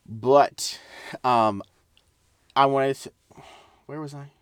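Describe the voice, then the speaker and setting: A man's voice: mid-range voice, fairly even intonation, very slow, smooth, dry recording, clean studio sound. A young adult man hosting a casual solo podcast, rambling through tangents and side remarks. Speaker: podcast host.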